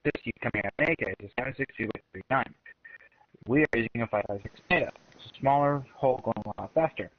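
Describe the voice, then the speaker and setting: A man's voice: mid-range voice, fast, highs cut off. A man explaining things in casual chat over a bad connection, his mic crackling and cutting in and out. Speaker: self-styled gun expert co-host.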